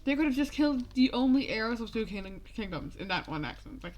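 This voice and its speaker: A young woman with a fairly high voice, chatting casually on a live stream. She rambles and gets exasperated, swearing freely as she reacts. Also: big pitch swings, a little fast.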